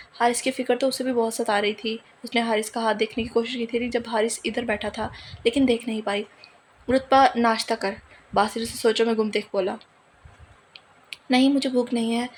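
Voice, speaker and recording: A woman narrating a romance novel with a steady, even reading. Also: fairly high pitch, a little hiss or hum. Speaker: novel reader.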